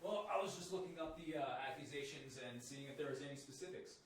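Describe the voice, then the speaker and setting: A man's voice: medium pitch, fast talker, a little hiss or hum. A man co-hosting a casual podcast chat, profane and laid-back, laughing easily. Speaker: podcast co-host. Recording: echoey room, mic at a distance.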